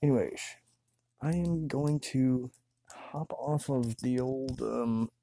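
A man talking to himself in a casual, rambling monologue, laid-back and full of slang and swearing, high on weed. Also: slow pace, creaky, mellow. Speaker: solo talker.

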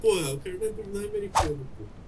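A man's voice: high-pitched, huge pitch swings, quick pace, gravelly, over a noisy crowd. A man with a Brazilian Portuguese accent making teasing, slangy comments in casual banter.

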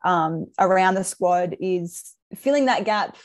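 Her lowish voice takes things slowly as she chats informally. She's a soccer player in her twenties from Brisbane, Australia, being interviewed, with a Queensland Australian accent.

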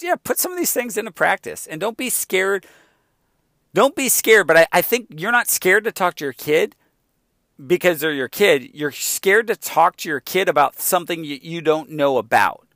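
A man in his forties talks in a loose, candid way, jumping between stories and quick asides. His voice sits a little high for a man. The sound is dry and close. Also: a bit bright, dry recording. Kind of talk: casual chat.

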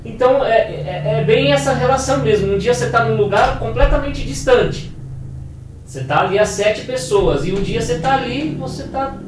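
A man's voice: very high voice, animated, moderate pace, noisy background. A man, a drummer, reflecting in casual chat with many restarts. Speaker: drummer, guest.

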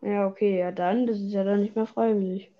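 Chatting casually on her podcast while gaming, a young host teases and exclaims in slang. She speaks briskly in a steady, medium-pitched voice, captured with lo-fi sound.

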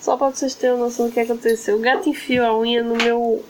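A woman from Brazil co-hosting a casual podcast with teasing, quick quips. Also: fairly high pitch, level tone. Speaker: podcast co-host. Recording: faint background noise.

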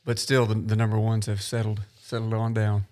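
A man's voice: fairly low pitch, flat delivery, fairly quick, darkish tone. A man in casual podcast chat who talks hesitantly, restarting and repeating words as he thinks. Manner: hesitant, repeats his words while searching for them.

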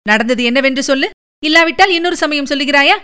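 A woman's voice: sits high, pushed and bright. A woman reading the part of a composed royal princess in an audiobook, speaking firmly and with dignity. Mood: dignified. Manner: dignified, firm, measured.

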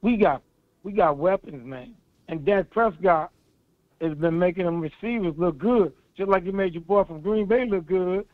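A man's voice: high voice, normal speed, no echo. A man calling in over the phone, an eager football fan chatting in slangy, casual talk. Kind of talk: casual sports chat. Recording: tinny dry phone line.

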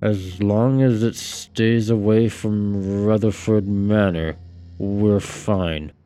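A man playing a scarred brooding man, very slow, halting, odd distant timbre, storybook. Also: lowish voice, fairly even intonation, warm tone, clean tone. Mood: measured. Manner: slow, halting, drawn-out speech.

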